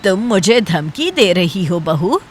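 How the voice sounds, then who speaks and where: A woman's voice: fairly low pitch, very animated, slow, slightly rough, heavily acted. A woman voicing a harsh, scornful older mother-in-law in a cartoon story. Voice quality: cutting, contemptuous. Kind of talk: cartoon voice acting.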